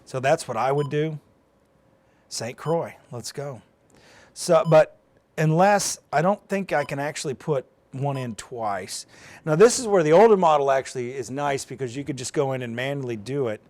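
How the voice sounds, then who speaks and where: This presenter of a weather radio programming demo is an American man with a medium-pitched, expressive, slightly mellow voice and a moderate pace. He speaks in a loose, folksy, conversational way, improvising and thinking out loud during the live demonstration.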